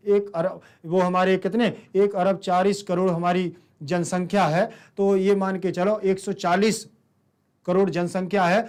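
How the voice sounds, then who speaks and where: A man's voice: high-pitched, a little mellow. A man with a Hindi-speaking Indian accent, teaching a Sanskrit lesson. He asks his students questions and then answers them himself.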